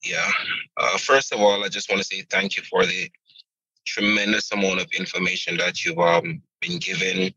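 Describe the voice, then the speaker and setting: A man calling into a live video Q&A, earnest and grateful, hesitant with many pauses. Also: deep voice, bright, forceful tone, breathy edge, no room sound, highs cut off. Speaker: caller asking a question. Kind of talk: casual chat on a video call. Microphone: video call.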